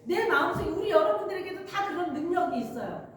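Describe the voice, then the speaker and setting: A woman's voice: extremely high pitch, animated, fast. A middle-aged woman pastor giving a conversational sermon, often addressing the congregation and acting out quoted voices. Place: church sanctuary. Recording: echoey church hall, distant mic, faint hiss.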